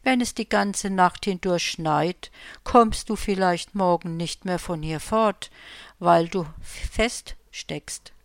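A woman voicing a slow, caring moon. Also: lowish voice, creaky, no room sound, clean studio sound. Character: the moon, caring, watchful night companion.

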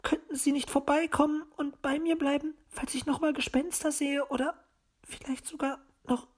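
A woman's voice: extremely high pitch, steady tone, normal speed, pitched above the performer's own voice. A fretful female magpie. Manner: tremulous, hesitant.

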